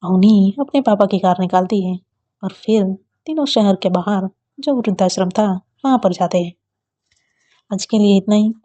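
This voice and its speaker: A woman narrating a romance story in a gentle, steady way. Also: medium pitch, normal speed, no echo. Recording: dull dry recording.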